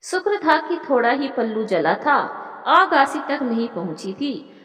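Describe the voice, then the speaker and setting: Woman storyteller, lively melodic read, fairly high voice, roomy echo. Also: unhurried. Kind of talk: storytelling narration. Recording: echoey room with long reverb.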